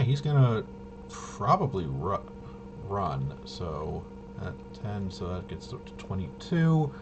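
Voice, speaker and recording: Background noise accompanies a man with a fairly low voice. He's a solo tabletop RPG player and presenter, casually working through gameplay by thinking aloud and muttering hesitantly to himself.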